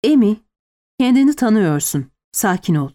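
A woman voicing a tired, calm nobleman who speaks low and patiently in an audiobook. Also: moderate pace, lightly acted. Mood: weary.

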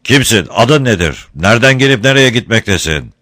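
Bossy old-time gendarme captain, loud and commanding, as a narrator puts him on. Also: male voice, on the low side, expressive, normal speed, dry recording, clean studio sound. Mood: barking. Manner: barking, commanding. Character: gruff Ottoman gendarme captain, bossy, quick-tempered.

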